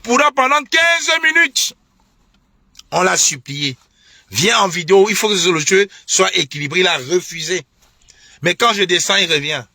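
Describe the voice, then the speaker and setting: A man's voice: high voice, lively intonation, normal speed, sharp tone, no room sound, clean studio sound. A young man from Cameroon, ranting on a live stream with indignant, repetitive, mocking talk and scornful laughs. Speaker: online political commentator. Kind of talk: heated live-stream rant.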